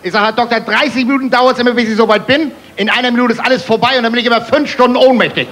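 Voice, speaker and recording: A man from Hamburg with a Hamburg accent doing rapid-fire stand-up jokes on stage, punchy one-liners, keeps calling the crowd "friends". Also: very high voice, steady tone, a bit bright. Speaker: stand-up comedian. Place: live stage before a laughing audience. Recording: TV show stage recording with crowd noise.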